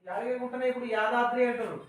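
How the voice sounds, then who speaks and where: A man's voice: very high-pitched, racing. A man with a Telangana Telugu accent teaching a class, patiently explaining words, asking questions and having pupils repeat after him. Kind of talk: classroom lesson with call-and-response. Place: school classroom. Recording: echoey classroom from far off.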